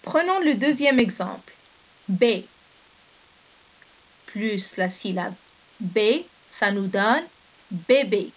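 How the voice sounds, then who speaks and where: Very slow-spoken woman teacher. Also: mid-range voice, lively intonation. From Morocco. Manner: deliberate, spells out letters and syllables one by one. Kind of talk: slow classroom lesson. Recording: dull lo-fi video recording.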